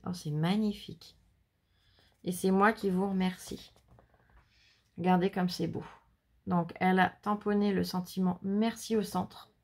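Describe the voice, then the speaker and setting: Gravelly and darkish, her mid-range voice carries a casual unboxing vlog about handmade bookmarks. The scrapbooking vlogger gushes admiringly and lingers on the crafting details of every piece.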